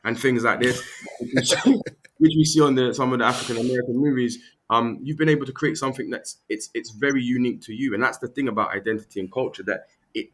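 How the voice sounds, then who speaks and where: On a conversational podcast, an English guest speaking British English explains his points earnestly, frequently checking in with "right?" and "okay?". He talks fast in a mid-range, fairly bright voice.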